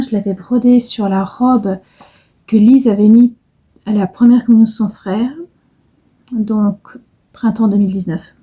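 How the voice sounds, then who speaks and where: Soft-toned rambling woman vlogger. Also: medium pitch, breathy edge. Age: middle-aged. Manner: rambling, hesitant, many fillers and restarts. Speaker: embroidery vlogger. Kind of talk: casual vlog chat.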